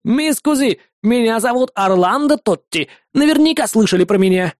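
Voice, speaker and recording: A reader voices a smug, sly mobster boss with an oily, gloating manner, pitching slightly above their own natural voice while staying close to everyday speech. The delivery is expressive and at normal speed, captured in clean studio sound with no room echo.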